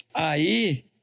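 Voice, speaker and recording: A middle-aged man preaching in a church, with a high, gravelly voice that has a bright, forceful edge. He jokes and tells stories between points and calls on the congregation to repeat his lines. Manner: joking, storytelling, asks the congregation to repeat. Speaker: pastor. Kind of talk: humorous sermon.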